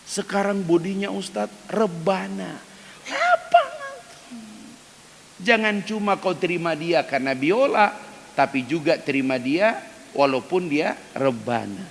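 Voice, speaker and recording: A man's voice: unhurried, gravelly. A man preaching an emphatic dawn sermon in a mosque, speaking directly to the men of the congregation. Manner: acts out quoted prayers in loud, high cries. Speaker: ustadz preacher. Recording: reverberant mosque hall with faint hiss.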